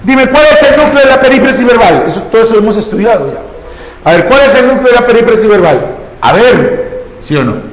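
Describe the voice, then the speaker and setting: High-voiced man teaching in echoey classroom. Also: expressive, a little fast. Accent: Peruvian Spanish. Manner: questioning, coaxing students with repeated prompts. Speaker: language teacher. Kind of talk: classroom grammar lesson. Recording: echoey classroom with long reverb.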